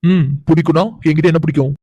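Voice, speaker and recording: Woman playing a fond, teasing cartoon husband: low, even, quick and warm. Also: no room sound. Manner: teasing, chuckling, coaxing. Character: doting young husband, teasing and affectionate. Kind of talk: animated cartoon voice acting.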